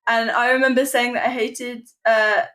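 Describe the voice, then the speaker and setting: A young woman, a podcast guest, earnestly telling personal stories in a halting, emotional way. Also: on the high side, level tone, fairly bright tone. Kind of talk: personal storytelling.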